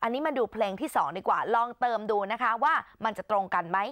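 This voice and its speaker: A woman teacher giving an exam-prep English lesson, explaining in Thai and saying English phrases slowly and clearly for students to repeat. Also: on the high side, a bit bright, dry recording.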